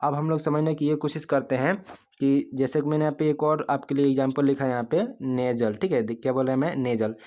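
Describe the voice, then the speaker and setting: A male teacher of mid pitch, walking his students through a lesson one step at a time and stopping often to ask them questions. He stretches out single syllables so they can say them back. The recording sounds dull and lo-fi. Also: level tone, a little mellow. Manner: explains step by step with frequent rhetorical questions; slowly drawls out sounds and syllables for the class to repeat. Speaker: English teacher. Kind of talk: classroom-style video lesson.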